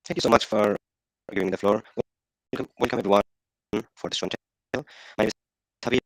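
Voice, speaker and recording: A man presenting over a video call, his voice coming through robotic and garbled, speaking haltingly with fillers and restarts. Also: dry recording. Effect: robotic, garbled low-quality video call audio. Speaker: presenter of a technical demo. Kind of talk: live online presentation. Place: office. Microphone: headset on a video call.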